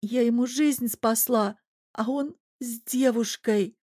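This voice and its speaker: A woman voicing an emotional young woman, pitched higher and quick to get upset. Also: no room sound, clean studio sound. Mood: excited, tearful. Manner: higher, excitable, near tears.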